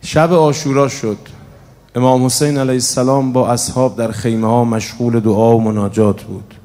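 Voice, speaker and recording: A man giving a religious sermon, telling a story in a soft, then emphatic way to a gathering. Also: medium pitch, steady tone. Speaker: preacher. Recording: long hall reverb.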